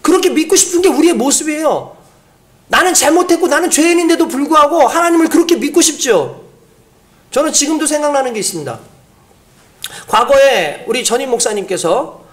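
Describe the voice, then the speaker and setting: A man preaching a sermon as pastor, acting out quoted voices with dramatic shifts. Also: very high-pitched. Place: church sanctuary.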